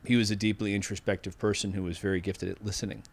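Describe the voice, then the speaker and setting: A man's voice: fairly low pitch, little pitch movement, fast talker, gravelly. A man in his fifties from Massachusetts, a podcast guest speaking reflectively and candidly in casual conversation, often restarting his sentences. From Massachusetts, USA. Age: 50s.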